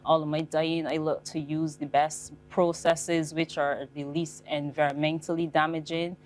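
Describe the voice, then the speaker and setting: A young woman, a fashion designer speaking on a panel in a measured, reflective way. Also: sits low, flat delivery, a little hiss or hum. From Barbados. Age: young adult. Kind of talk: panel talk.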